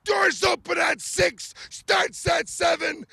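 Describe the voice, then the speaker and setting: Gravelly shouting man cutting a wrestling promo. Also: very high-pitched, steady tone, takes it slowly. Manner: shouting, boastful hype delivery. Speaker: wrestling manager.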